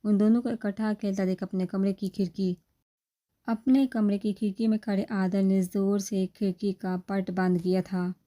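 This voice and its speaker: A woman reading a comic family novel aloud, narrating and speaking the characters' dialogue in an even, low-key voice that lifts a little for quoted lines. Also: moderate pace. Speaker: novel reader.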